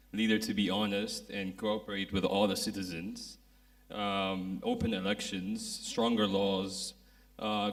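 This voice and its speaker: A young man from Egypt speaking as a student panelist, listing his ideas one by one. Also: lowish voice. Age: young adult. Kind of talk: panel discussion. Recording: voice picked up from a distance.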